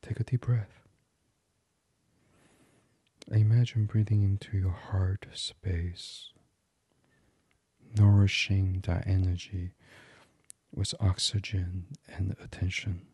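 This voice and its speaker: In a deep, husky voice with a flat delivery, a man guides a meditation, speaking slowly, softly and soothingly and often sinking into whispers. There's no echo on the recording.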